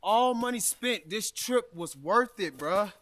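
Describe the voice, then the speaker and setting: A man's voice: sits high, expressive, slow, fairly bright tone, no room sound. A man from Alabama, vlogging a solo hike outdoors in the snowy mountains, emotional and thankful as he talks to his viewers. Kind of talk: solo hiking vlog.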